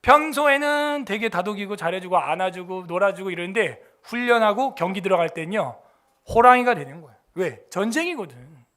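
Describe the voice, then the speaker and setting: A man preaching a sermon as a pastor in a church, animated and colloquial, firing off rhetorical questions. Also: high-pitched, a little fast.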